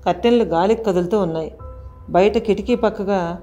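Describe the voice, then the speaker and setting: A woman narrating a haunted house audio story in an expressive, dramatic storytelling manner. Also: medium pitch, fairly quick, muffled recording, faint music behind.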